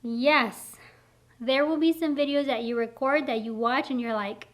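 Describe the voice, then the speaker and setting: A woman cosmetology teacher chats straight into the camera, rambling and self-deprecating as she encourages others. Her voice sits a little high, and she sounds a bit out of breath. It is recorded indoors on the camera's own mic. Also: fairly even intonation, moderate pace. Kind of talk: casual talk to camera. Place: indoors, warm room. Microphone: camera mic, speaking to lens.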